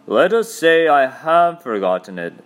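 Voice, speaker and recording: A man voicing a noble lion who speaks gravely and slowly. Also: sing-song. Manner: grave, low and measured. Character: great grave male lion, noble and commanding.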